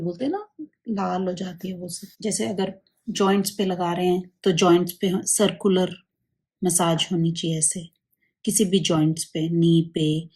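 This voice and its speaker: Husky, soft-spoken woman demonstrating. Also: fairly low pitch. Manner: soft-spoken, checks in with "ठीक है?". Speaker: baby massage demonstrator. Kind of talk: hushed instructional demonstration.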